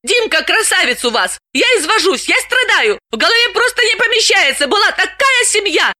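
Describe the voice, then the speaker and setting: A woman reading an audiobook, voicing an excitable, pushy woman friend in her thirties who talks in shrill, emphatic exclamations. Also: moderate pace, exaggerated voice. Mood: agitated.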